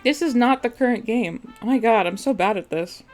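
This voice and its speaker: A woman's voice: a little high, animated, brisk, a little mellow, faint music behind. A giggly, self-deprecating woman hosting improv games on a stream. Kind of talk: casual game hosting.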